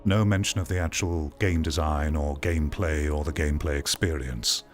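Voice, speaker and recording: With soft background music playing, this man speaks in a bass voice at a moderate pace. He's a streamer running a VR gaming commentary show, offering opinionated, off-the-cuff critique and driving points home by repeating phrases.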